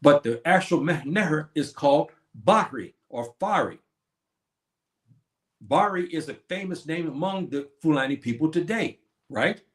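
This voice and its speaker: Fairly high and animated, this male stream host moves at a measured pace, with a roomy quality to the recording. He preaches about history and fields his own questions.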